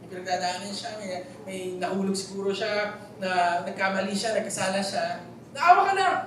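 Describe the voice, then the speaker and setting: A man's voice: high voice, flat delivery, moderate pace. A man with a Filipino accent, preaching a sermon in a church hall, telling stories with jokes and asking the congregation questions. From Philippines. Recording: very echoey hall, voice from far off, faint noise.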